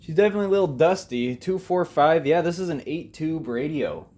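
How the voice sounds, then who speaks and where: A man with a somewhat high, slightly mellow voice speaks in a lively, brisk way. As host of an electronics repair vlog, he rambles through casual, unscripted, hands-on commentary from his basement workspace, often poking fun at himself.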